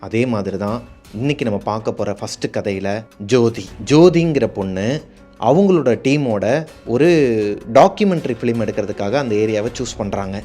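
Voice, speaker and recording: A man's voice: mid-range voice, animated, normal speed, mellow, soft background music. A man, hosting a show and telling horror stories in a chatty way, talking straight to his viewers. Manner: chatty, addresses viewers directly. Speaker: horror story host. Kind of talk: casual horror storytelling.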